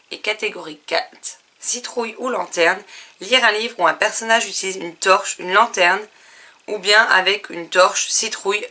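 A woman book vlogger talking casually through her reading challenge, with a bright and clear voice. She reads out categories one by one, stopping for fillers and quick corrections. Her pitch sits in an ordinary middle range. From France. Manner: chatty, reads out a list with frequent fillers and self-corrections.

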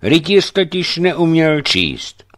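A man narrating a novel for radio with expressive storytelling. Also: on the high side.

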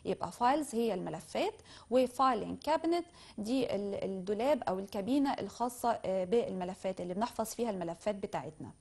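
A woman with an Egyptian Arabic accent teaching English vocabulary, speaking slowly and carefully when she models the English phrases and more quickly when she explains them. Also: mid-range voice, expressive, gravelly, darkish tone. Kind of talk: classroom lesson explaining vocabulary.

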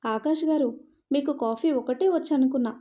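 A woman's voice: high voice, moderate pace, close to an everyday voice. A woman voicing a shy, sweet young wife in a romantic storybook, speaking coyly and fussily on a slightly muffled recording.

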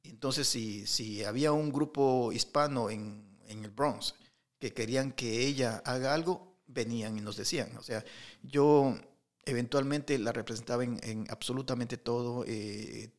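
A man's voice: mid-range voice, measured pace. A middle-aged man telling anecdotes in a casual interview, with lots of fillers and restarts. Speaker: interview guest, entrepreneur. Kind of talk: casual storytelling.

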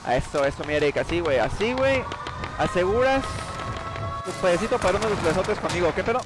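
A man's voice: high-pitched, lively intonation, quick pace, over music. Slangy Mexican man streaming a shooter. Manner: slangy, chummy, thanks viewers by name. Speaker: game streamer. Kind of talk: casual live-stream commentary. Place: home gaming setup. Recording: loud in-game gunfire behind voice.

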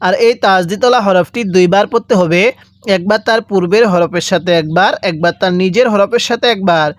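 A man with a Bangladeshi Bengali accent teaching Quran reading, spelling out syllables slowly and drilling the listener to repeat after him. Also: high voice, dry recording. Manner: slow, repetitive drilling with call-and-repeat prompts. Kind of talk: spelling-out recitation lesson.

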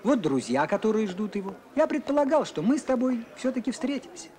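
Courtly old gentleman, swooping pitch. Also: big pitch swings, fairly quick. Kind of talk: children's film acting.

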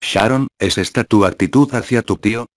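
A man reading the lines of a smug, shameless young man in an even, low voice. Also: normal speed, no room sound, studio quality, lightly acted.

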